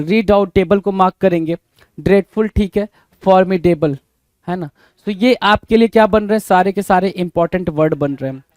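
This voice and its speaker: Indian male tutor, high voice, dry close mic, quizzing students on word meanings. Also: a little mellow, dry recording. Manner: keeps asking the class questions, Hindi-English mix. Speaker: English vocabulary teacher. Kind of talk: exam-prep vocabulary lesson.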